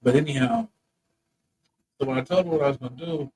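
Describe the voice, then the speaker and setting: A man's voice: medium pitch, fairly quick, a little mellow, poor audio. A man, a comedian and co-host, in casual chat, telling a personal story with profane, emphatic asides.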